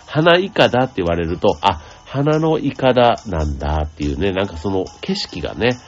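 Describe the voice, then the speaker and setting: A man hosting a radio show, explaining things in a gentle, chatty way with many asides and fillers. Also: sits low, very animated, moderate pace, muffled recording, soft background music. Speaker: radio host. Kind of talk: casual explanatory radio talk.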